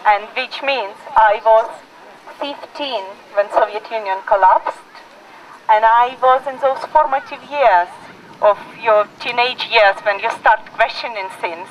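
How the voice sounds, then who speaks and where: A woman in her forties from Ukraine with a Ukrainian accent, a university lecturer giving an earnest, deliberate prepared speech. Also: on the high side, a little hiss or hum, low-quality recording. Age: 40s. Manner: earnest, deliberate, repeats for emphasis. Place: outdoors in a park.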